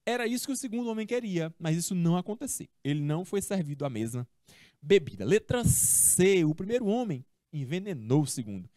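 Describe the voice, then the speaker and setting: Brazilian lady teaching english, chatty, asks herself questions, warm lowish voice. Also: brisk, no room sound, clean studio sound. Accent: Brazilian Portuguese. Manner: asks herself pupils' questions and answers them, lively and chatty. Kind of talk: classroom explanation of a text.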